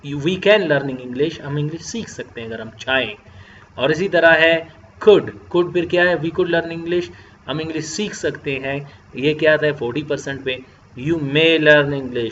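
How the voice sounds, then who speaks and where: A man teaching English grammar in a classroom-style lecture, explaining in Hindi-Urdu and reading English example sentences slowly and deliberately. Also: fairly high pitch, a bit bright. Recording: dull lo-fi sound with faint background noise.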